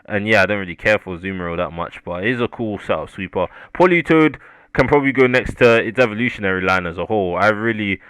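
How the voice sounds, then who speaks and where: A man with a lowish, smooth voice, talking through a ranking in a relaxed, rambling way. He drops in filler words and the odd casual swear word. The sound is dry and close. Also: fast talker, no echo. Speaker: video creator ranking monsters. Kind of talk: casual tier-list commentary.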